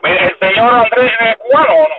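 A man's voice: extremely high pitch, lively intonation, fast talker. A man from Cuba calling in, explaining his view earnestly and somewhat defensively. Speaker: caller. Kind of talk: phone-in comment. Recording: tinny phone line with noise.

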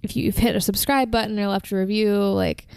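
A woman co-hosting a music podcast in casual chat, chatty and enthusiastic, slightly hoarse from talking. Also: mid-range voice, fairly even intonation, a little fast, a little mellow, dry recording. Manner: chatty, filler-heavy, enthusiastic about bands. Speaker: podcast co-host.

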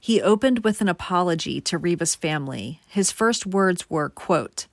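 A woman's voice: fairly low pitch, expressive, normal speed, no echo. A woman host narrating a true crime case in a casual, conversational way, talking straight to her viewers. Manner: conversational, addresses viewers directly.

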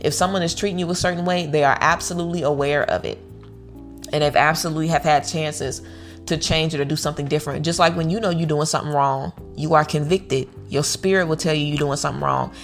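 An American woman who hosts an online community delivers an informal pep talk on self-worth, blunt and emphatic, repeating phrases to hammer them home. Her deep voice moves fast with fairly even intonation, and soft music plays behind her.

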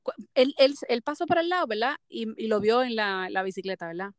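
Una mujer con acento puertorriqueño que cuenta anécdotas en charla casual, directa y animada, mezclando frases en inglés. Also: female voice, on the high side, brisk, smooth, no echo. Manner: blunt, animated storyteller, mixes English phrases. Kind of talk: casual chat.

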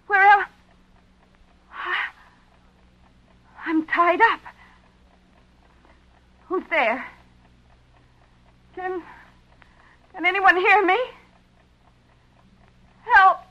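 A woman playing a frightened, tied-up woman in an old radio thriller, pleading in a trembling, breathy voice. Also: very high-pitched, sharp tone, exaggerated voice. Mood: panicked. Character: terrified kidnapped woman, tied up in dark. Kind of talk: 1940s radio acting. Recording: dull old radio broadcast.

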